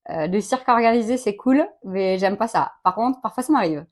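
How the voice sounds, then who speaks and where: A woman's voice: mid-range voice, animated, brisk, slight background noise. Chatty French woman in her late thirties. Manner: chatty, laughs often, informal. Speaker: company director interviewed. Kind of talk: quick-fire interview answers.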